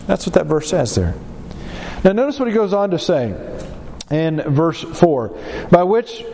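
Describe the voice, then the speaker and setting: A man with a high-sitting, dark-toned voice preaches a Bible lesson, sounding pinched and congested from a cold. He teaches emphatically, repeating points and asking rhetorical questions. The echoey hall adds long reverb and a faint background hiss.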